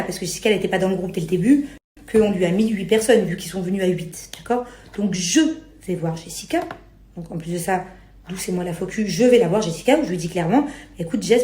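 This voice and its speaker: A young woman rants casually to her followers in an exasperated, self-justifying way, full of slang. Her voice is mellow and soft-edged at a middling pitch, with a clearly roomy echo around it. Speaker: reality TV personality. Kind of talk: casual spoken rant to followers.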